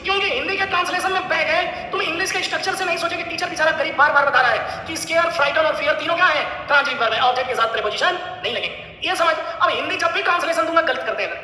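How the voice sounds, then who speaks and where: A middle-aged man teaching an English class, lecturing loudly with teasing scolds at his students. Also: very high-pitched, fast, few pauses, heavy reverb, in a large hall, low-quality recording. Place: large lecture hall.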